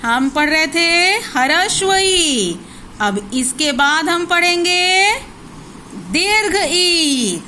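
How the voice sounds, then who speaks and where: A woman's high, bright voice leads a lesson for young children. She spells each word out slowly, syllable by syllable, and answers her own questions. A faint hiss runs underneath. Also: animated, rough recording. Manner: spells words syllable by syllable, asks questions and answers them herself. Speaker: primary school teacher. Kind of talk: slow, drilled recitation lesson for young children.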